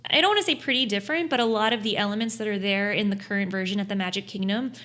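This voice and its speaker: A woman's voice: medium pitch, rapid-fire, a bit bright. A woman co-hosting a podcast in casual chat, explaining at length with many fillers and restarts. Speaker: podcast co-host.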